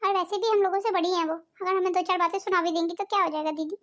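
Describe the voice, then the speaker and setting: A kind young sister-in-law in a cartoon family drama, voiced by a woman. Her voice is very high. She talks in a calm, consoling way. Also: fast. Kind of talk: cartoon voice acting.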